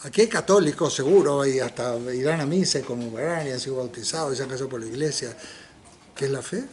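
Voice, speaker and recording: A man's voice: mid-range voice, quick pace, a little mellow, a little hiss or hum. An older man giving an informal philosophy seminar lecture, asking the audience rhetorical questions and dropping frequent tag questions. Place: lecture room in a community center.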